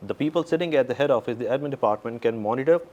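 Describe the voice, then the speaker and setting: A man's voice: medium pitch, racing, darkish tone, lo-fi sound. A middle-aged man with a Pakistani accent, giving conversational answers as a company executive in an interview. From Pakistan and the Middle East, mainly Saudi Arabia. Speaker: interview guest, company CEO.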